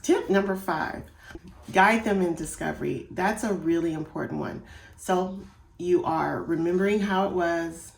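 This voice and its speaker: Calm, encouraging woman teacher. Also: on the low side, measured pace, vocal fry. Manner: calm, encouraging, talks directly to parents. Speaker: homeschool teacher giving tips. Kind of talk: casual instructional talk. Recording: echoey room.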